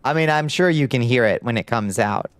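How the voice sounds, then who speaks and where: This streamer, a middle-aged man with a light Georgia twang, talks fairly quickly and smoothly in a mid-range voice with lively intonation, and the recording is dry. During live gameplay he keeps up a relaxed, wry drawl, addressing his chat casually as he plays.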